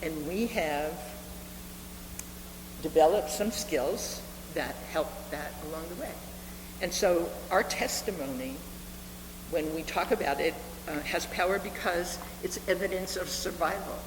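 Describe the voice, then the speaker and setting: Preaching through a live microphone, this woman in her seventies speaks with a lowish voice, earnestly and deliberately, using repeated phrases to stress her points. The meeting hall around her is echoey and noisy, with an audible hum and a congregation present.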